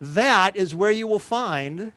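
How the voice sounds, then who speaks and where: A man performing as a magician, building his stage patter step by step with deliberate repetition. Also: high-pitched, animated, fairly bright tone, no room sound.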